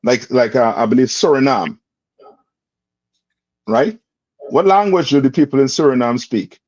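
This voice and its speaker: Quizzing students and nudging them toward answers, this instructor runs a religious class in call-and-response style. He speaks unhurriedly in a mid-range, slightly mellow voice. There's no room sound in the dull, dry lo-fi recording.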